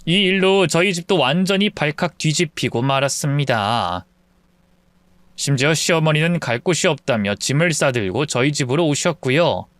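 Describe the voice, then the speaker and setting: A storyteller reading a scripted first-person story in a calm, even manner. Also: mid-range voice, normal speed, dry recording. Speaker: storyteller of a radio-style story channel.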